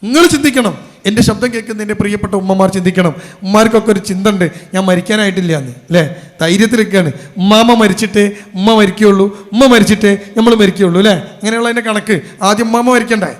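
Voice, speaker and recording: A man's voice: sits high, rapid-fire. A male Islamic preacher, telling a story emotively and pressing the audience with emphatic questions. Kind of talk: sermon.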